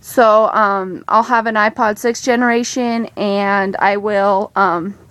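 A young woman chatting excitedly in a casual home vlog, rambling with many ums and gushing asides. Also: medium pitch, slow, dry recording. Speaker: vlogger.

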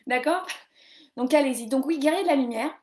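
A woman's voice: high-pitched, a little fast, darkish tone. Chatty French woman in her forties. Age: 40s. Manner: chatty, self-mocking, with many restarts and fillers. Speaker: yoga teacher and podcast host. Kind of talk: casual live-stream chat about reading. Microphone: computer or phone camera on a live stream.

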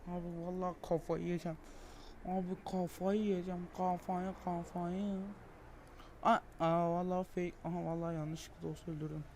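Young man, gameplay commentary, high voice, gravelly, exasperated, swearing. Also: flat delivery, normal speed, a little hiss or hum. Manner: exasperated, swearing, shouting in frustration. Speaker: gaming video creator.

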